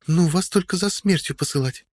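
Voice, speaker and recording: Guy doing a snippy young woman, high put-on voice, dry close sound, teasing drawl. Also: brisk, dry recording. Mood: grumbling. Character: sharp-tongued young woman, grumbling then languid.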